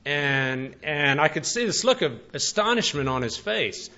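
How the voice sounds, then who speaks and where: A man preaching a storytelling sermon in a folksy, conversational way, with many pauses and fillers. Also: a little high, big pitch swings, pushed and bright, dull audio. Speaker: pastor.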